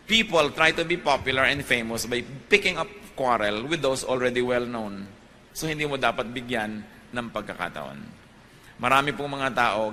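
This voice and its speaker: Filipino priest preaching in a bright voice. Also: male voice, medium pitch, long reverb tail, slight background noise. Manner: switches between Tagalog and English, rising emphatically on warnings. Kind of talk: sermon.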